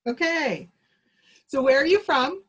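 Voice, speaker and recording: Upbeat, higher-voiced woman leading a video call. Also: animated, unhurried, fairly bright tone. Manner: upbeat, chatty, laughs easily. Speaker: workshop presenter. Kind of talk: facilitating a virtual group exercise.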